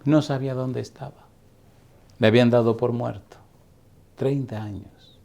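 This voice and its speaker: A middle-aged male pastor telling a story in a sermon, speaking slowly and deliberately with dramatic pauses. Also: mid-range voice, fairly even intonation, gravelly, warm tone.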